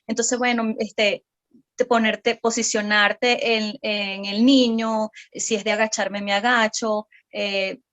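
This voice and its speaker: A woman's voice: mid-range voice, little pitch movement, slow, a bit bright. A woman, a psychopedagogue guest on a podcast, explaining parenting patiently with many fillers and tag questions.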